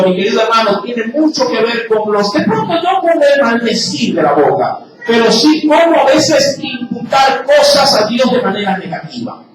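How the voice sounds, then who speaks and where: A man preaching a sermon as pastor, loudly asking his congregation rhetorical questions. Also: very high-pitched. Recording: very echoey hall, picked up from a distance.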